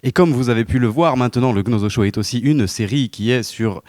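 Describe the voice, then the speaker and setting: A man hosting a live stage show with formal, deadpan announcements that often turn half-sung. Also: medium pitch, fairly quick. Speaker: host.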